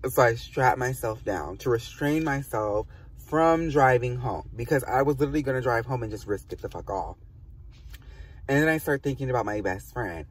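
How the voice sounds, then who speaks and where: A man's voice: medium pitch, normal speed, breathy edge, far from the mic. A man telling a storytime to his viewers in a casual, rambling and profane way, full of fillers and asides. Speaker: vlogger.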